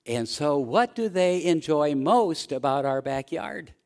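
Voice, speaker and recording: A middle-aged man preaching a sermon as pastor, telling homely stories slowly with frequent fillers. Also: on the high side, expressive, gravelly. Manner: slow, folksy storytelling with frequent fillers.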